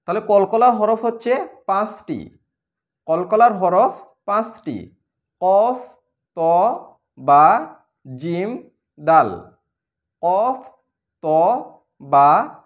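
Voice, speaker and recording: A man with a Bangladeshi Bengali accent teaching Quran reading, spelling out letters and vowels and repeating each syllable. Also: sits high. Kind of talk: step-by-step recitation lesson.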